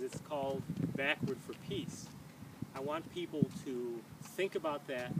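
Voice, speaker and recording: 60-something man talking outdoors, distant mic. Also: medium pitch. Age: 60s. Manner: earnest, measured, with frequent "uh" pauses. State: talking while walking backward. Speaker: founder of a peace walking movement. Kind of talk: monologue while walking outdoors. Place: outdoor running track by traffic. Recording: distant outdoor mic with loud traffic noise.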